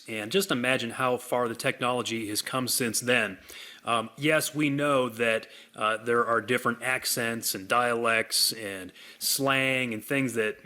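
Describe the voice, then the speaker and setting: A man hosting a software demonstration, walking through it in an upbeat sales manner. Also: medium pitch. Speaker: software demo host. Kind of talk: product demonstration.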